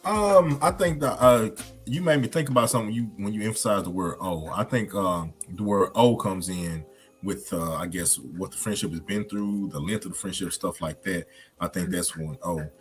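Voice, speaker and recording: A man chatting casually as a co-host, thinking aloud in a relaxed way. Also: sits low, moderate pace, faint music behind. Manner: easygoing, thinking aloud with fillers. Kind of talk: casual chat.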